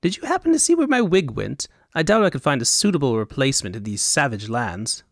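A man voicing a foppish, talkative male noble with a high, affected fantasy accent, in a storybook audiobook. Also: sing-song, fairly quick, creaky, dry recording, clean studio sound. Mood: offended. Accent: high Elvunian fantasy accent. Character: foppish high-voiced male Elvunian noble, flamboyant and chatty.

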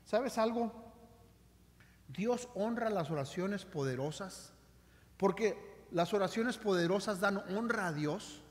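A male pastor preaches with dramatic swings between loud emphasis and hushed lines. His voice sits high, and the sermon echoes with a long reverb through the church hall. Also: slow pace, long pauses. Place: church sanctuary.

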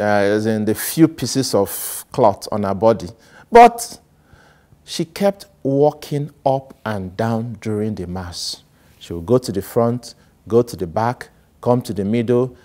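Slow-talking priest, animated homily. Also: male voice. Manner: animated, sweeping gestures, swings between loud emphasis and low asides. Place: small studio set with plants, indoors. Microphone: lapel mic.

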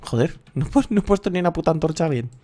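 Excitable Spanish man in his thirties. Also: fairly high pitch, fast, a little hiss or hum. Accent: Castilian Spanish. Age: 30s. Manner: excitable, swears freely, rambling. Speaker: gaming youtuber. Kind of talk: casual gameplay commentary.

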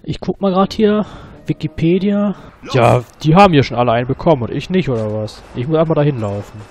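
A man hosting his own gaming channel, giving excitable, slangy let's play commentary and swearing often. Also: a little high, fairly quick.

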